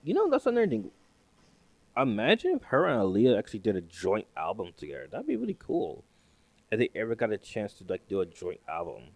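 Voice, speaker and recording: A deep-voiced man chats through a reaction video, circling back and repeating his thoughts. The sound is dry and close, with no room around him. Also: wildly swooping pitch, brisk, gravelly, darkish tone, slightly rough, no echo. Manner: rambling, hesitant, repeats himself. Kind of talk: casual reaction commentary.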